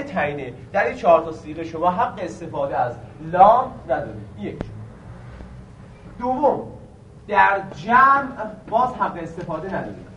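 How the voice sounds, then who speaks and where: A man teaching a grammar lesson, quizzing the students with questions and slowly stretching out key words. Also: sits high, fairly bright tone, distant mic, muffled recording, slight background noise. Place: classroom. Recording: echoey room recorded from afar.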